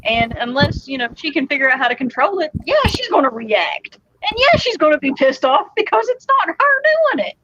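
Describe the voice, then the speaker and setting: A woman's voice: high-pitched, sing-song, brisk, few pauses. A woman chatting casually in an agreeable way, filling in with "you know". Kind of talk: casual chat. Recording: dull lo-fi sound with clear noise.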